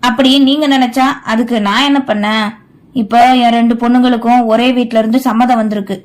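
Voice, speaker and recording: A woman's voice: a little high, steady tone, fairly quick, darkish tone, lightly acted. A woman voicing a pushy middle-aged son who insistently demands money from his father in a storybook reading. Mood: demanding.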